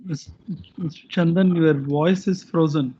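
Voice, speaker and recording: A man's voice: fairly high pitch, fairly even intonation, a little slow, dark tone, slight background noise. A man moderating an online session who gives brief prompts, heard through a screen recording of the call. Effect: heard through a screen-recorded video call. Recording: dull, distant video-call audio.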